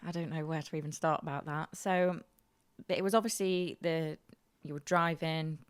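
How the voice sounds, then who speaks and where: A woman's voice: deep voice, steady tone, moderate pace, clear, resonant tone. A woman co-hosting a podcast, explaining things in a chatty storytelling way. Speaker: podcast co-host. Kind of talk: casual chat.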